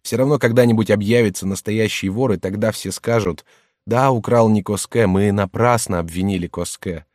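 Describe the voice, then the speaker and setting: A man's voice: lowish voice, moderate pace, darkish tone, no room sound, clean studio sound, close to an everyday voice. A man reading an audiobook and voicing a young male servant who is tearful and wrongly accused, pleading in a strained, raised voice. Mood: resigned.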